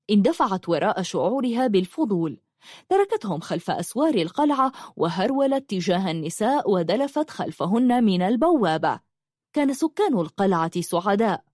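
A woman narrating a storybook in an expressive, descriptive way. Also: mid-range voice, dry recording, studio quality.

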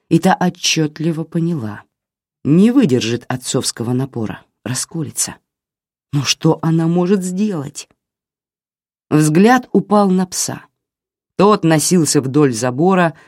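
A narrator reading a novel in an expressive, dramatic way. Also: medium pitch, no echo, clean studio sound. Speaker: audiobook narrator.

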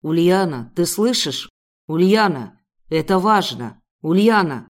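Woman voicing a deep-voiced commanding male ruler. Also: expressive, slow. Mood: urgent. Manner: insistent, urgent calling. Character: stern male ruler, commanding yet caring.

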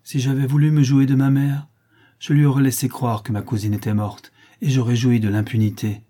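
A man's voice: mid-range voice, level tone, a little fast, warm tone, natural voice. A man voicing a dignified young countess in an audiobook, speaking in an earnest, pleading yet firm way. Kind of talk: audiobook character reading.

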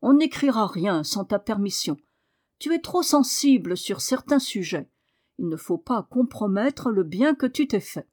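A woman reading a gentle, puzzled doctor. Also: mid-range voice, sing-song, measured pace. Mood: soothing. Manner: gentle and reassuring. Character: kindly, puzzled male country doctor. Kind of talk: audiobook reading.

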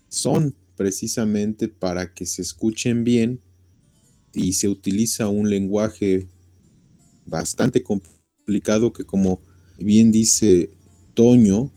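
A man speaking as a guest on a radio discussion, measured and deliberate. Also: lowish voice, warm tone, faint music behind. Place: radio studio.

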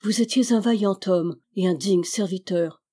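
A feverish, devout young noblewoman, read by a woman narrator, her words urgent and prayerful. The voice is warm and mellow rather than bright, only lightly set apart from the narration. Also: mid-range voice, moderate pace, slightly rough, lightly acted. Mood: fervent.

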